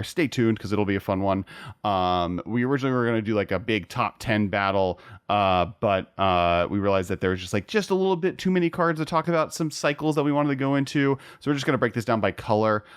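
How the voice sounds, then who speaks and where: A young man with a fairly low voice hosts a podcast. He chats casually and jokes around, rambling along with plenty of fillers. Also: clean tone. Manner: joking, rambling with many fillers. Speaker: podcast host.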